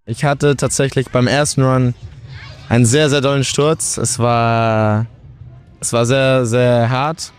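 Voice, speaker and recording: A young man talking casually in an interview, relaxed and chatty, often restarting his sentences. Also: mid-range voice, takes it slowly, clear, resonant tone. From Germany, raised in Portugal. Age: young adult.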